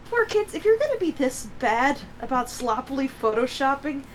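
A woman in casual podcast chat, animated and exasperated, quick to laugh. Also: sits high, slight background noise. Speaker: podcast co-host.

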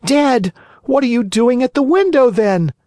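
A man's voice: expressive, unhurried, a little mellow, dry recording, studio quality. A man doing a frantic wooden puppet boy. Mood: pleading. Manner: high pleading cries.

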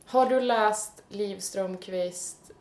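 A woman co-hosting a podcast, telling stories in a casual, animated way and acting out quotes. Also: medium pitch, reverberant, slight background noise. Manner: animated, laughing, acts out quotes. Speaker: podcast co-host. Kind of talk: casual chat, storytelling.

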